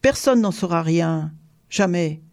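A reader voicing a jovial, scheming male count who talks cheerfully and coaxes smoothly in an audiobook story. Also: medium pitch, lively intonation, takes it slowly, darkish tone. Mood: coaxing. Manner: cheerful, coaxing, smooth-talking. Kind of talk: audiobook reading.

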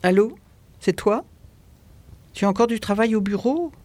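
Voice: mid-range voice, lively intonation, normal speed, darkish tone, voice pushed up, close to an everyday voice. A reader voicing a practical, chatty wife calling her husband about household repairs, in an audiobook. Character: homely wife calling on the phone.

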